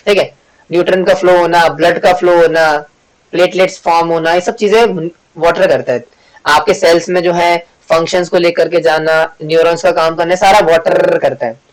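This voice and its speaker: Brief: man leading a scripture class, voice sits a bit high, teasing, often clears his throat. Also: low-quality recording. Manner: joking, chatty, teasing the audience; asks the class questions and answers them himself. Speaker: Bhagavad Gita class teacher. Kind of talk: devotional class lecture.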